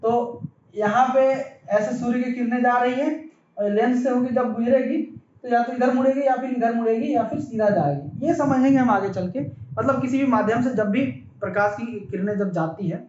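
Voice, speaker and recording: A man's voice: very high voice, moderate pace, darkish tone. A man teaching a physics lesson in speech, explaining step by step and often checking in with the class. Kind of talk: classroom lecture. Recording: echoey, dull, faint background noise.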